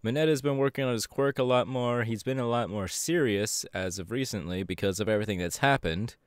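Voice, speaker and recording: In a casual, chatty audio roleplay, a man acts as an upbeat, easygoing young electric superhero, anime-character style. His mid-range voice is smooth, natural, and a little fast, with no room sound. He sounds friendly and animated but hesitant, using fillers.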